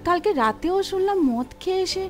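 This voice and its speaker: A woman's voice: extremely high pitch, expressive, fairly quick, faint music behind. A woman playing a gossiping, disapproving neighbour in a short film drama. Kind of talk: melodramatic short film acting.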